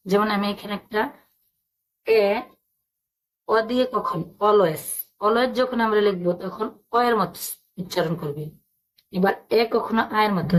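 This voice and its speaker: A woman teaching a spoken lesson, patiently spelling out words letter by letter. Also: medium pitch.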